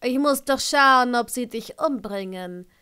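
A woman voicing a curt, sardonic middle-aged male potions master, slow and clipped in a fan-fiction audiobook. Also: fairly high pitch, sharp tone, clean tone. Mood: dry.

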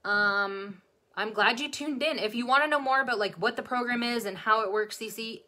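Woman, nursing exam tutor, bubbly live-stream host, bright forward tone. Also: on the high side, moderate pace. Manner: bubbly, excitable, talks to viewers. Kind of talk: Facebook Live chat answering comments. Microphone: phone or webcam, livestream.

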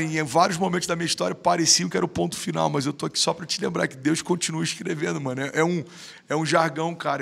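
A fairly high-pitched, gravelly, a bit bright voice comes from a man in his thirties with a Brazilian Portuguese accent. He's a guest on a podcast, telling stories in relaxed conversation, emphatic and heavy on slang, repeatedly saying "mano."

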